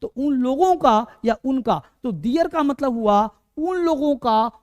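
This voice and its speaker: A man's voice: very high-pitched, animated, measured pace, darkish tone, muffled recording. A man with a Hindi accent leads an online English lesson for beginners. He talks in a repetitive, drilling way, saying each word several times and asking students to repeat after him. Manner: repetitive, drills pronunciation aloud. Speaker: English teacher. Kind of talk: online spoken-English class.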